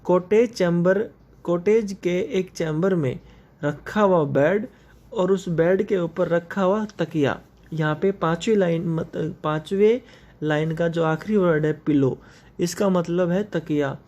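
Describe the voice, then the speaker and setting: A male English teacher in a recorded lesson, reading poem lines slowly and then explaining word meanings to his students. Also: high-pitched, darkish tone. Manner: mixes English and Hindi, addresses students directly.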